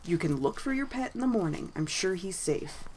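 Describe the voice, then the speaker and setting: A woman's voice: medium pitch, a little slow, dark tone, close to an everyday voice. A woman voicing a cold, stern male elf who snaps short orders. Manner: curt, hissing orders.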